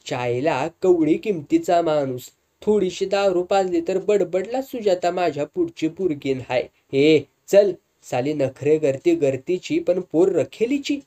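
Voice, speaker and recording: A coarse, sneering male political boss, loud and abusive, spitting insults, as a storyteller acts him out. His voice is dark and mellow in an audiobook reading. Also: mid-range voice, lively intonation, unhurried, lightly acted. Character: crude domineering male politician villain.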